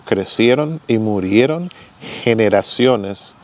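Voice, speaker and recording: A man giving solo commentary, measured and slowing down to stress key words. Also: lowish voice, animated. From Caribbean. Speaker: video essayist.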